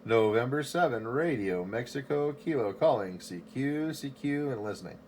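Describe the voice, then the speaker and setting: A man making a ham radio call from his home station, calling CQ over and over, spelling his call sign in phonetic alphabet in a steady, repetitive way. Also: mid-range voice, moderate pace, slight background noise. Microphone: station microphone.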